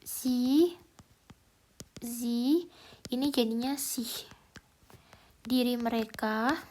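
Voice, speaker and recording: A woman's voice: a little high, extremely slow, darkish tone, slight background noise. A woman teaching a language lesson in a casual, explanatory way, hesitant and thinking aloud with many fillers. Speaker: German language tutor.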